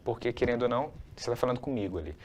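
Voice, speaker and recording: A man with a Brazilian accent talks about his craft in a documentary interview. He is earnest and explanatory, often restarting mid-sentence, and his voice sits at an ordinary middle pitch. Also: lively intonation, racing, a little mellow. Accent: Brazilian Portuguese. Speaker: dubbing professional.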